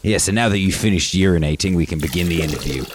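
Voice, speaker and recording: A man playing a mock-serious interviewer in a deadpan comedy sketch. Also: sits low, fast talker, a little hiss or hum.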